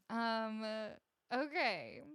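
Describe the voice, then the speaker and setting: A woman's voice: on the high side, no room sound. A woman music streamer chatting casually with her live viewers on a close studio mic. She laughs often and greets each viewer by name. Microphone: studio broadcast microphone, close.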